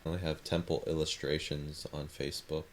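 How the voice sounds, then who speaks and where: A man with a deep voice in a casual chat, low-key and saying little. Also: level tone, a little fast, a little hiss or hum. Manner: low-key, few words. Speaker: guest artist.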